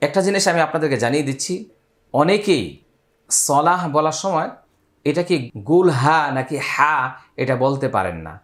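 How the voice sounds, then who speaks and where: A male teacher in a step-by-step recitation lesson, patiently naming each letter and vowel mark. He then chants the words in a slow, stretched, melodic way. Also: on the high side, lively intonation, fairly bright tone. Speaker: Quran teacher.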